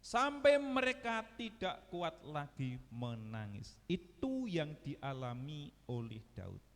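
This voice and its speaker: Slow-preaching man in a reverberant church. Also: huge pitch swings, fairly bright tone. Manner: preaching with sweeping swings of pitch and volume, asking the congregation questions. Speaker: pastor. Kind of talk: sermon. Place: church hall.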